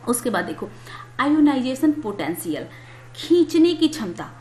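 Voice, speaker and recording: In an echoey room with a bit of faint noise, a woman teaches chemistry in a sing-song voice that is high-ish, dark in tone, and a little slow. Her style is conversational, and she answers the questions she asks.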